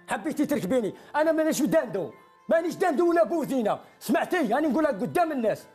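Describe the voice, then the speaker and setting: A man's voice: very high voice, darkish tone. A man with an Algerian Arabic accent, crying and pleading agitatedly with his wife on a television show, swearing oaths as he speaks. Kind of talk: emotional TV confession.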